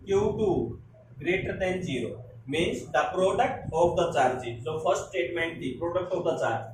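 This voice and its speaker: A male Indian teacher delivers a classroom lecture in a high voice, dictating his notes at a deliberate, unhurried pace. He is recorded from some distance in a very echoey room, with steady noise underneath. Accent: Hindi-English mix, Indian. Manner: addresses students as "beta", asks rhetorical check questions. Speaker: physics teacher.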